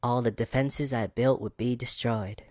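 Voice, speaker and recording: A woman's first-person romance narration, read aloud by a man in a slightly raised voice. He uses a mock Texas accent and keeps a steady, mid-pitched reading pace. The recording is dry and close. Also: normal speed, no room sound, close to an everyday voice. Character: woman narrating her own romance story.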